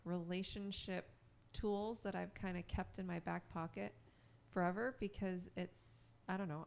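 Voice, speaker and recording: A woman co-hosting a podcast in casual chat, rambling and giggly, with a strong vocal fry. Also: fairly low pitch. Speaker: podcast co-host.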